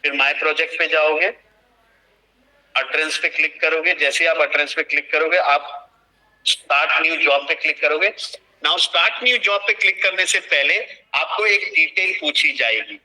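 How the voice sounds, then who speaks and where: Bright-voiced man teaching online. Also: a little high, normal speed, rough recording. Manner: explanatory, repeats and restates instructions. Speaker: online trainer. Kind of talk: live screen-share training session.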